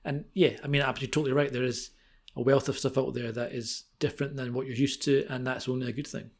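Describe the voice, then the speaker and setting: Man, podcast co-host, cheerful and easygoing, a bit of gravel in the voice. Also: medium pitch, fairly even intonation. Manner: upbeat, light-hearted, quick to laugh. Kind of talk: casual podcast intro chat.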